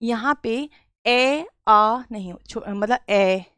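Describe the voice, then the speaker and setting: A fairly high-voiced woman from Bareilly, with a western Uttar Pradesh accent, teaches grammar to her online class at an unhurried, deliberate pace. A sore throat roughens her voice, and she keeps repeating key points for the students. The sound is close and dry, with no room echo. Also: a bit bright. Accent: western Uttar Pradesh (Bareilly) Hindi. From Bareilly district, Uttar Pradesh, India. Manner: patient, repeats key phrases, addresses students as beta.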